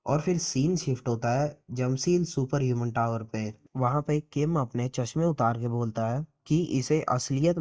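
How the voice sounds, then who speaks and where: A man's voice: medium pitch, dark tone. A young man narrating a comic story recap in a plain storytelling manner, mixing in many English words.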